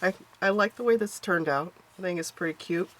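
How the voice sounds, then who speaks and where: A woman's voice: lowish voice, brisk, fairly bright tone. A woman hosting a casual craft journal flip-through from her home craft room, talking in a chatty, homey way with a stuffed-up, nasal voice. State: stuffed up, congested nose. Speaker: craft channel host.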